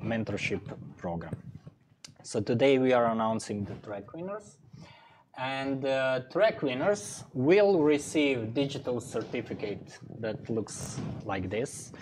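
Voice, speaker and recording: A middle-aged man hosts from a studio desk, speaking very slowly with frequent fillers. His pitch sits mid-range, with a faint hiss underneath. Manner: slow, halting with fillers. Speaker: hackathon co-host. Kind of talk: livestream announcements.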